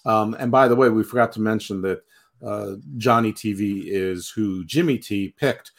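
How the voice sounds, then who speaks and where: A man co-hosting a wrestling podcast over an online call, tossing in quick crude wisecracks. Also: fairly low pitch. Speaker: podcast co-host. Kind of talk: casual chat.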